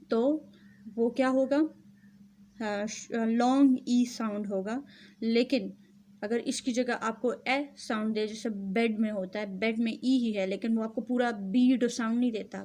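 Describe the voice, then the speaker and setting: A woman teacher with a Pakistani accent, giving a recorded lesson to young pupils and explaining things slowly and patiently. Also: a little high, a little mellow. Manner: slow, patient explaining, mixing English and Urdu. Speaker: school teacher. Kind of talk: recorded classroom lecture.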